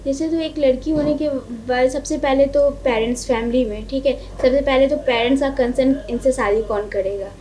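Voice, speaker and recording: A woman's voice: high voice, fairly even intonation, normal speed, hardly any pauses, warm tone. A young woman from Bihar, India, speaking as an interview guest. She explains her points one at a time and keeps checking that the listener is following. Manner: earnest, explains step by step, often checks in with "ठीक है?". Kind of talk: conversational interview.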